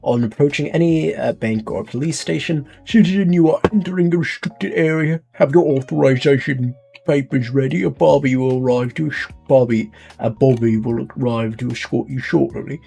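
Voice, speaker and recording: A man's voice: mid-range voice, normal speed, gravelly, hardly any pauses, mellow, soft background music, lightly acted. A man doing a stiff British announcer. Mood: officious. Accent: put-on British. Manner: clipped, official announcement. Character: stiff male public-address announcer.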